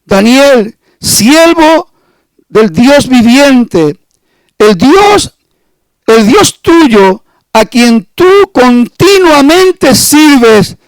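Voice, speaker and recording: A man's voice: very high voice, very animated, drawn-out words, dry recording, pitched above the performer's own voice, exaggerated voice, rough recording. A male pastor voicing a grieving ancient king who calls out mournfully. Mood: sorrowful. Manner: mournful, pleading.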